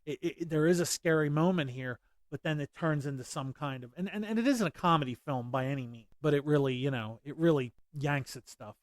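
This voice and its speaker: A man's voice: fairly high pitch, a little fast, few pauses, dry recording. Guy rambling through movie trivia, lots of um and uh, dry close sound. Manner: rambling, with many fillers and restarts. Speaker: podcast host. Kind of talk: casual movie commentary.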